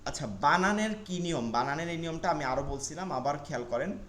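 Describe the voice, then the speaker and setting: A man's voice: on the high side, lively intonation, a bit bright, a little hiss or hum. Patient male Quran teacher, echoey. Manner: patient, repeats rules and spells letters slowly. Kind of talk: online class lesson.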